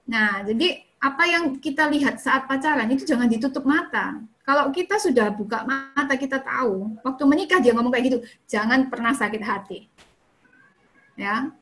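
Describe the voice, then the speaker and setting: A woman's voice: sits high, moderate pace, a bit bright. A woman speaking at a church fellowship in a chatty advice talk, often asking questions and answering them herself. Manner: chatty, often ends points with "kayak gitu" and "gitu ya"; asks the listeners questions and then answers them. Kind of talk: casual advice talk on dating and marriage.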